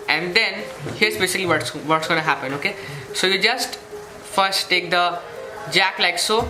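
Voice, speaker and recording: A presenter walking through a card trick step by step in an instructional way, often checking in with "okay". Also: mid-range voice. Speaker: magic tutorial presenter. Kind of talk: step-by-step demonstration and tutorial. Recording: roomy echo with faint music.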